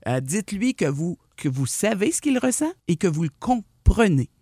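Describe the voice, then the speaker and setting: A woman with a Québécois French accent giving parenting advice as a radio columnist, animated and explanatory, often acting out what a parent would say to a child. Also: fairly low pitch, normal speed, breathy edge, no room sound, clean studio sound.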